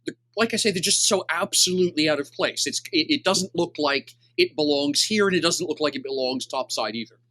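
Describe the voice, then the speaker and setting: A man's voice: on the high side, big pitch swings, a little fast, hardly any pauses, bright, forceful tone, dry recording. A man as game master, describing a scene unhurriedly with many fillers and restarts. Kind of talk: narrating a tabletop game.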